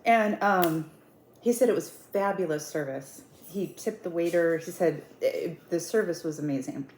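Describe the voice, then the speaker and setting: A woman's voice: on the low side, normal speed, a little mellow. A woman telling a story in a casual, conversational way, dramatically retelling who said what and repeating words for emphasis. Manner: dramatic retelling, acting out quoted dialogue. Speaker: online storyteller in an eat-with-me video. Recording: roomy echo with clear background noise.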